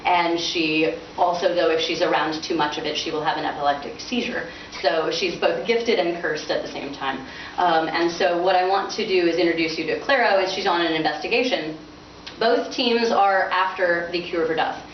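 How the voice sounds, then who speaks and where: A woman with a lowish voice speaks at a moderate pace at an informal bookstore event, chatting about her novel and reading passages from it dramatically. The recording is roomy, distant, noisy, and bandlimited, with the highs cut off.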